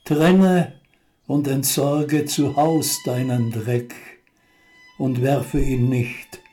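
An elderly man in his eighties speaks slowly with a mellow, darker voice. He gives plain advice in a scripted appeal. Faint music sits behind him. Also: mid-range voice, fairly even intonation. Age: 80s. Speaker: elderly climate activist.

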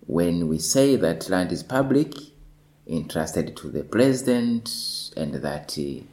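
A man from Tanzania, a lawyer, speaking in a measured way in a discussion and repeating words as he thinks. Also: low voice, expressive, warm tone, rough recording. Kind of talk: panel discussion.

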